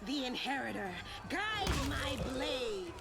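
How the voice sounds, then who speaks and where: Gravelly, zealous holy warrior woman. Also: high voice, big pitch swings, slow, exaggerated voice. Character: zealous, valiant female holy warrior in battle. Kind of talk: video game battle cries. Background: game music.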